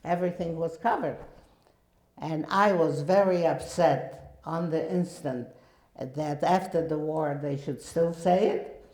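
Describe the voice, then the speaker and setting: A woman in her eighties from Poland, with a Polish accent, telling her life story in a halting, emphatic way with many restarts. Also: low-pitched, a little mellow, echoey room. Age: 80s. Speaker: guest speaker. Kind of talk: personal testimony.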